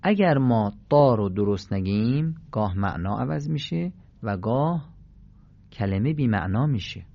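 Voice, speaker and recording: A man's voice: on the low side, animated, creaky, dull audio. A man teaching Quran recitation in a radio lesson, patiently demonstrating letter sounds with emphatic repetition.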